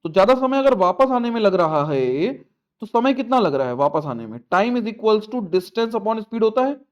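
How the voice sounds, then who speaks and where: A man with a high voice teaches a maths lesson, explaining each step and repeating the key points. He coaxes his students with questions. The sound is somewhat dull and lo-fi. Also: big pitch swings, measured pace, clean tone.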